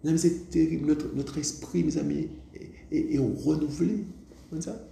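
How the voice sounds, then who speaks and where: Gravelly, dark-voiced male preacher. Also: on the high side, normal speed. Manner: repeats "vous voyez ça?" and "mes amis", with stammering restarts. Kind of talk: sermon. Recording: echoey room with faint background noise.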